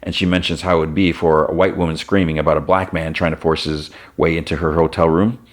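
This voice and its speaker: With a very deep voice, little pitch movement and a fast pace, a podcast host loosely retells a TV episode scene by scene. He casually voices the characters in short quotes, using "he's like" and restarting his sentences along the way.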